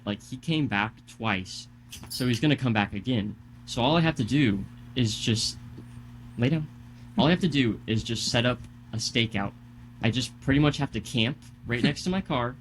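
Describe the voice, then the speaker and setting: A man's voice: medium pitch, slight background noise. Heated, cursing young man telling a story. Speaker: podcast co-host. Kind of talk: casual podcast chat.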